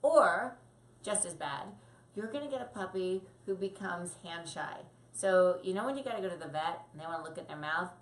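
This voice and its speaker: A woman dog trainer giving casual tips to camera, lively and acting out quick voices for the puppy and the owner. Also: fairly low pitch, reverberant.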